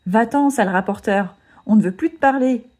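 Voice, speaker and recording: A woman's voice: lowish voice, very animated, a little fast, dark tone, breathy edge. A woman voicing a tough, hot-headed schoolboy who talks bluntly and aggressively.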